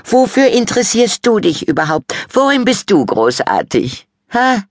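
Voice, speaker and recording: A woman's voice: mid-range voice, very animated, moderate pace, dry recording, clean studio sound, voice pushed up. A woman voicing a vain, bossy fourteen-year-old girl who talks in a boastful, snippy, sing-song way. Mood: preening.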